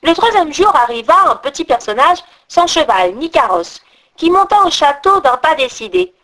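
A chatty, know-it-all crow from a storybook, as a woman reads her, in a high voice that leaps up and down. She explains at length, confiding and a little self-important. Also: very animated, normal speed, a bit bright. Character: talkative old crow, female, know-it-all. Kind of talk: storybook reading.

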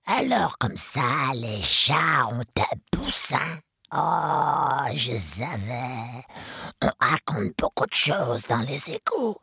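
Gravelly gloating rat boss. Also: female voice, extremely low pitch, big pitch swings, pushed and bright, no echo, clean studio sound, full character voice. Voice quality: gravelly and raspy. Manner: slow gloating drawl. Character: big scarred sewer rat boss, sly and menacing.

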